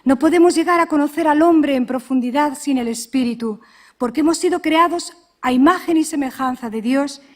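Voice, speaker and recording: Earnest high-voiced religious sister. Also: female voice, darkish tone. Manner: measured, earnest, with rhetorical questions. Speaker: religious sister giving a talk. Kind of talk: reflective spiritual talk.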